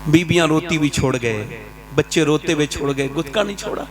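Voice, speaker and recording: A man delivering an impassioned sermon, telling stories and building up to loud shouted climaxes. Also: fairly high pitch, animated, noisy background. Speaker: preacher. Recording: preaching to a live crowd. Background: crowd.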